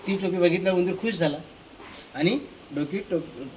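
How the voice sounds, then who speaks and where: A male schoolteacher telling a story to children in a lively way, repeating his phrases as he goes. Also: high voice, moderate pace, a little hiss or hum. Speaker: teacher.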